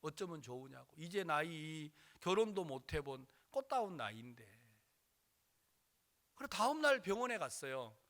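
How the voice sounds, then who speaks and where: A man's voice: fairly high pitch, very animated, normal speed, fairly bright tone. A male pastor preaching a sermon, telling a story dramatically and acting out the voices.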